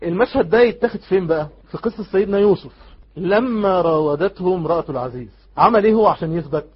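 Husky Egyptian preacher, fast and high. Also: male voice, animated, lo-fi sound. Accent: Egyptian Arabic. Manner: shifts from loud exhortation to hushed, intimate pleading. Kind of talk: Islamic sermon.

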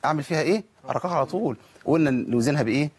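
Egyptian man, husky-voiced and brisk, teaching tajweed, demonstrates each sound carefully. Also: fairly high pitch, animated, darkish tone. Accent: Egyptian Arabic. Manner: patient, corrects and models pronunciation step by step. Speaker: Quran recitation teacher. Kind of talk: televised tajweed lesson.

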